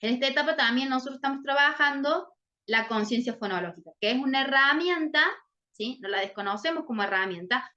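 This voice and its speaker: Bright-voiced woman explaining a lesson. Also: on the high side, muffled recording. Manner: checks in often with "¿sí?". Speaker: literacy teacher explaining a case.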